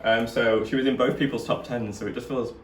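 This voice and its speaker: A man's voice: medium pitch, little pitch movement, a little fast, slight background noise. A man chatting casually as he leads a panel review. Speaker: drag queen reviewer leading the panel. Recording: echoey room, distant mic, music behind.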